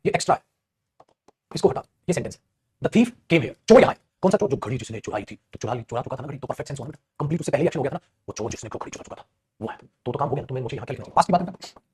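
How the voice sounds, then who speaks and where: A man's voice: fairly high pitch, big pitch swings, rapid-fire, darkish tone, breathy edge. A man teaching English grammar in an online exam-prep lesson, explaining in Hindi, reading English example sentences aloud, quizzing students and calling them "beta".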